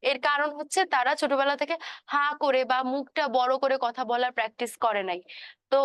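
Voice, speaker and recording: High-voiced woman teaching singing. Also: fairly quick, smooth, no room sound. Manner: explains patiently, sings scale notes to demonstrate. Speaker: music teacher. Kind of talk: online class lecture.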